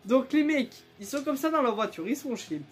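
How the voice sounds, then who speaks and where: A young man retelling absurd stories in a casual, joking, slangy way, laughing often and breaking into loud squeals of outrage. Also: very high-pitched, lively intonation, moderate pace, soft background music. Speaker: YouTuber. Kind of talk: casual comedic storytelling and reading aloud.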